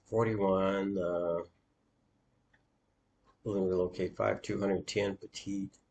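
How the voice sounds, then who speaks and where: Man, very low voice, dating coach, screen-share walkthrough, halting, filler-heavy. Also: creaky, darkish tone.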